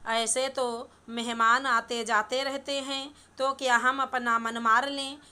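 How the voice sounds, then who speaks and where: A woman's voice: a little high, level tone, slow, sharp tone, smooth. A woman reading a stern bossy mother-in-law. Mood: pleading. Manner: stern, lecturing. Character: scolding middle-aged mother-in-law, bossy. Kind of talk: storybook reading.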